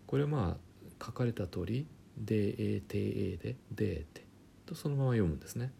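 A man teaching German pronunciation in a chatty, joking way, often dropping to a quiet aside. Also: lowish voice, animated, fairly quick, gravelly, a little hiss or hum. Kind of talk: casual spoken lesson with jokes.

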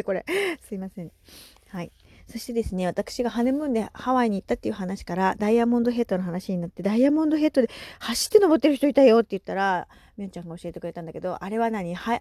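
A woman's voice: mid-range voice, dry recording. Chatty woman, dry close mic. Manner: chatty, animated, laughs often, soft asides. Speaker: podcast host. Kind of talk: casual solo chat.

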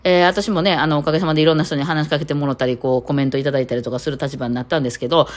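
Fast-talking Kansai woman, low voice. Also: fairly even intonation. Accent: Kansai, Kitakawachi dialect. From Kitakawachi area of Osaka, Japan. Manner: rapid rambling talk full of fillers. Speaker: podcast host. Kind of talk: casual solo chat.

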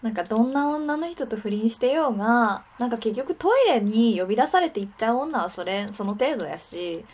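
A woman's voice: a little high, expressive, fairly quick, darkish tone. A woman from Wakayama with a Kansai accent, hosting a casual, comic radio chat. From Wakayama, Japan. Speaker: radio host as apprentice restaurant proprietress.

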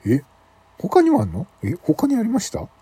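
A man's voice: high voice, huge pitch swings, normal speed, warm tone, husky, no room sound. A man hosting a comic talk show, reading mock news and feigning outrage. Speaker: radio talk host.

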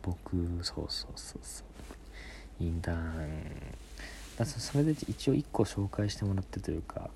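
A man's voice: low-pitched, animated, moderate pace, gravelly, noisy background. A young man hosting a casual solo talk show, telling rambling stories and answering listener questions, often dropping into whispered asides. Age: young adult. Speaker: podcast host.

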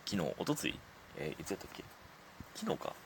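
Chatty Kansai man, lively pitch. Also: fairly quick, slight background noise. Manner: chatty and self-deprecating, laughs often at his own stories. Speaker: comedian hosting his own talk show. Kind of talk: casual solo radio talk.

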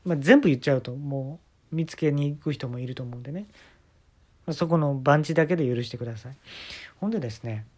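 A man's voice: mid-range voice, fast talker. Kansai man, casual comic storyteller, dry and exasperated, phone-mic podcast. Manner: exasperated, wry complaining. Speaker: podcast host.

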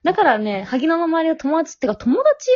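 A woman's voice: extremely high pitch, sing-song, brisk, a little mellow, no echo. A young woman co-hosting a podcast, chatting casually with a friend in slangy, informal speech. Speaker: podcast co-host. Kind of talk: casual chat between friends. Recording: dull, lo-fi close recording.

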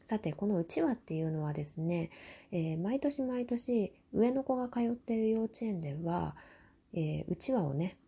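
Quiet late-night woman, very mellow, breathy. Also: animated, moderate pace. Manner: quiet, murmuring low-voiced talk at night beside sleeping children. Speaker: host of a personal audio talk show. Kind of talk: late-night casual chat, telling everyday family stories.

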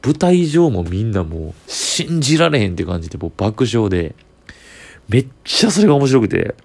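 A man's voice: medium pitch, moderate pace, creaky. A young man with a Kansai accent, a comedian hosting his own solo talk show and telling a story from the stage, acting out the other people's lines as he goes. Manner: animated storytelling, acts out voices. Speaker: comedian podcast host.

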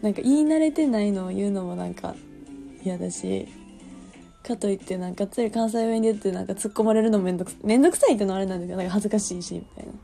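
A woman's voice: medium pitch, very fast, gravelly, dark tone, faint music behind. A woman in her twenties with a Kansai accent, hosting a casual solo radio talk show in a chatty, self-deprecating way and laughing easily. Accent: Kansai Japanese. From Kansai, Japan. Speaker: podcast host.

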